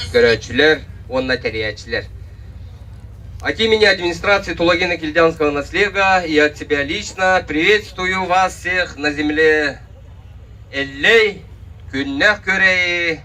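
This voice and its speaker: Male official, Yakut accent, formal speech, piercing bright tone, distant outdoor PA. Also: fairly high pitch. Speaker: local administration head giving welcome. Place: outdoor stage.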